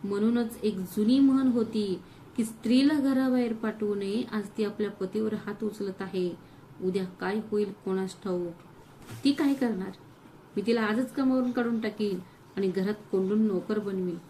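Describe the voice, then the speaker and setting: A woman voicing a scornful, bitter older mother-in-law in an audio story, shrill and accusing. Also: normal speed, warm tone, slight background noise, lightly acted, rough recording. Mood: outraged.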